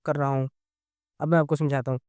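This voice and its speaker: High, crisp-voiced man teaching grammar. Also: level tone, fast, a little mellow, no room sound. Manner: patient, repeats "okay?" often. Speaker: language teacher. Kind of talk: explaining grammar lesson.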